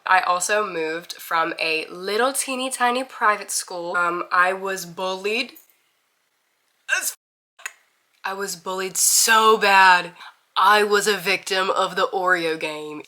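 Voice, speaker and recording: Young woman in her twenties from Mississippi, casual vlogger, bright and a touch low, candid chatter. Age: 20s. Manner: chatty, candid, laughs at herself. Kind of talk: casual to-camera intro vlog.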